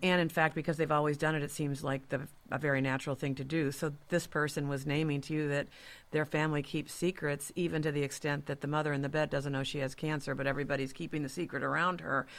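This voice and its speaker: A woman's voice: low voice, flat delivery, fast. A woman hosting a podcast, talking in a reflective, earnest way and often murmuring agreement. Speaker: podcast host. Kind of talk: conversational podcast talk.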